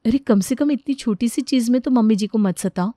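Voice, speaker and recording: A woman's voice: a little high, a little fast, dark tone, dry recording, studio quality, natural voice. A woman voicing a cheerful young daughter-in-law in a cartoon, chirpy and helpful.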